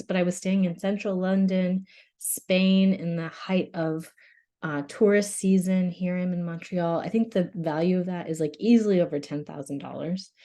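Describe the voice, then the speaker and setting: Young woman coaching on a webinar, candid and laughy, warm low voice. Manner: candid, laughing, tearful at times. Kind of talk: webinar talk.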